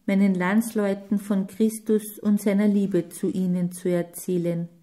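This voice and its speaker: A woman's voice: mid-range voice, little pitch movement, measured pace, dark tone, close to an everyday voice. A woman reading the lines of a grown man, an orphaned believer telling his story earnestly.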